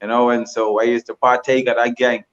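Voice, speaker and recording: A man's voice: medium pitch, flat delivery, brisk, muffled recording. A Bahamian man giving a livestream interview, rambling and repeating himself with lots of "you know". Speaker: guest.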